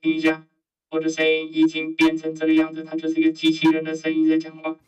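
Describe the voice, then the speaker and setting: A man's voice: fairly high pitch, monotone, fast, far from the mic, music in the background, pitched above the performer's own voice, low-quality recording. A man talking through a robotic voice filter while demonstrating a voice changer on himself during a casual gear review. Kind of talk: casual product demo.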